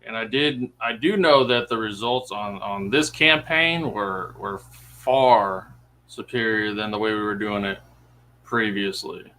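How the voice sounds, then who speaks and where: A man chats freely and laughs easily. His tone is bright and forceful. Faint noise sits behind his voice. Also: fairly low pitch, measured pace. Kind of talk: casual chat.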